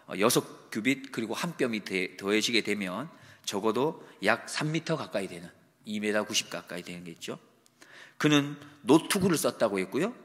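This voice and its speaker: A man who is a pastor, giving a morning devotional sermon in a steady, explanatory way and asking the listeners rhetorical questions. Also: mid-range voice. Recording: long reverb of a large hall.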